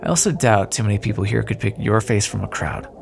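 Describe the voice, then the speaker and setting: In an audio roleplay, a man with a lowish, gravelly, animated voice talks fast as a roguish thief escorting a deposed queen, sardonic and wry but decent. He speaks directly and teasingly to the listener over a noisy background.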